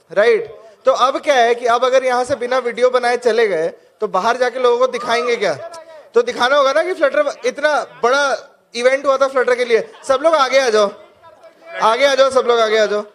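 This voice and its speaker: A man's voice: very high voice, a bit bright. Man, event organizer, repetitive urging calls, handheld mic, big indoor hall, crowd murmur. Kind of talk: energetic crowd hype. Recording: music and crowd behind, live event.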